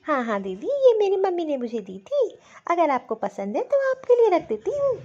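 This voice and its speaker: A woman's voice: extremely high pitch, wildly swooping pitch, normal speed, a little mellow, lo-fi sound, exaggerated voice. A woman voicing a cheerful young newlywed bride who speaks earnestly about her new in-laws. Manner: earnest, emphatic.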